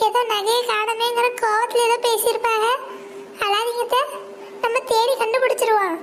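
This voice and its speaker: A woman voicing a sharp young daughter-in-law in a cartoon skit, pleading at first and later pointed and mocking. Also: extremely high pitch, level tone, normal speed, a little hiss or hum.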